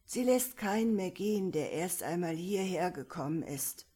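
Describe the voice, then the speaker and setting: A woman voicing a frightened, hoarse old village man who stammers and speaks in hushed tones. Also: on the low side, lively intonation, normal speed. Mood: ominous. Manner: stammering, pleading, then hushed.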